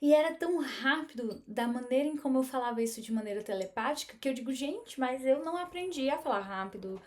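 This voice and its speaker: A Brazilian woman whose voice sits a little high. She speaks earnestly and conversationally, as if confiding in viewers, and keeps checking in with small tag questions. She has the relaxed flow of a personal storytelling vlog. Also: fast talker. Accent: Brazilian Portuguese. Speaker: spiritual teacher and medium.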